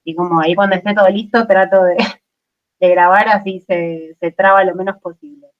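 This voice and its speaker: A woman's voice: mid-range voice, fairly even intonation, normal speed. Woman, Argentine accent, online chemistry class, casual and filler-heavy, dull video call sound. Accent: Argentine Spanish. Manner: casual, lots of fillers and checking with students. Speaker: chemistry teacher.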